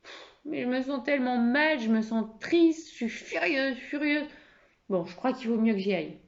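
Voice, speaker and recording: A woman acts out a wife at the end of her patience who bursts out loudly and indignantly. Her voice has a gravelly grain, and the recording is a bit muffled and lo-fi. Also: mid-range voice, fast talker, pitched above the performer's own voice, lightly acted. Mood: upset. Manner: loud, heated, indignant outbursts. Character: furious wife whose evening plans fell through.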